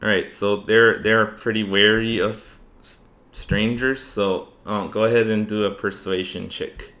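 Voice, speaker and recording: A man's voice: fairly low pitch, little pitch movement, a little slow, fairly bright tone. A man acting as game master, narrating a tabletop fantasy game casually. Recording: roomy, echoing room.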